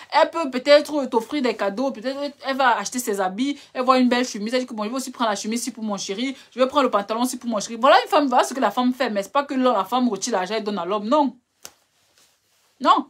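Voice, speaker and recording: A woman's voice: fairly high pitch, a bit bright. A young woman hosting a live relationship advice stream, answering viewer questions in a direct, scolding way. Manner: direct, scolding, addresses viewers as brother and darling.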